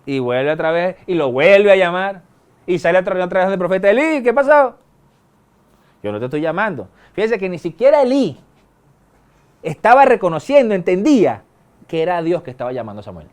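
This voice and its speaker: A middle-aged male pastor, preaching a sermon in a conversational way, with colloquial asides and sudden quick bursts. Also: high-pitched, expressive, darkish tone. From Venezuela.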